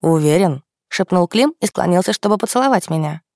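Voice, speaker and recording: Woman reading an audiobook, smooth even telling, dry close sound. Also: medium pitch, fast, dry recording. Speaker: audiobook narrator. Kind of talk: first-person audiobook narration.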